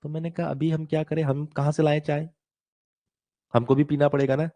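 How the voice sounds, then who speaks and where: Man, physics teacher, fairly high voice, chatty, teasing, acts out voices, live online class. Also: flat delivery, fairly quick, dark tone.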